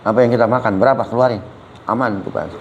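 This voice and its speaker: A man's voice: mid-range voice, fast talker, dull audio, a little hiss or hum. A man preaching an Islamic lecture, joking with his audience and constantly addressing them as "Pak", dropping "subhanallah" between points. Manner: animated and joking, often addressing listeners as "Pak". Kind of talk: lively religious lecture with audience questions.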